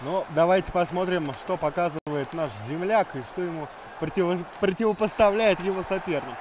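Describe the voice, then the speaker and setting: High-voiced, quick male co-commentator. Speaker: esports hockey co-commentator. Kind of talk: live commentary, chatty exchanges with a partner. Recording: noisy venue with crowd behind the voice. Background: crowd and venue noise.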